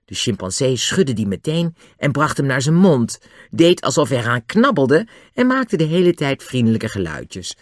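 A narrator reading a children's storybook aloud. The delivery is expressive, with a pitch that rises and falls a great deal. The recording is dry and close. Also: normal speed, no echo. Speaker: audiobook narrator.

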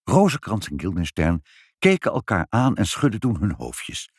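Man reading a children's story, expressive, very lively pitch, dry close sound. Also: moderate pace, breathy edge, dry recording.

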